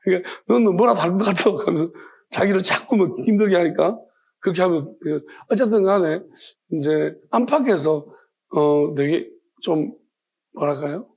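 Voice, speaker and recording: A man's voice: high-pitched, normal speed, creaky, a little mellow, slightly rough. A man preaching an informal evening sermon as a pastor, telling rambling personal stories. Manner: conversational, rambling, self-correcting. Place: church sanctuary.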